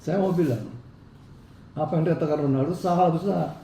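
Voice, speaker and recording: A man's voice: on the high side, fairly quick, creaky, dark tone, recorded from a distance. A man with a speech impediment that slurs his r sounds, explaining a legal case emphatically as an interview guest, repeating his points. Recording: roomy echo, faint background noise.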